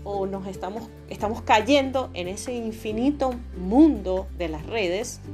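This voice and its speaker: A woman hosting a podcast, giving a casual reflective monologue in an expressive, emphatic way. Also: mid-range voice, a little slow. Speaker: podcast host. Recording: music behind the voice.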